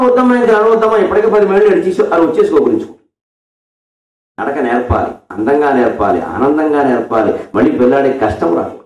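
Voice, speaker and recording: A man giving a devotional discourse on scripture. He tells the story vividly and breaks into slowly chanted verses. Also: a little high. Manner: animated storytelling, mixes explanation with slow chanted verse. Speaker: spiritual discourse speaker. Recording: echoey, distant, dull lo-fi sound.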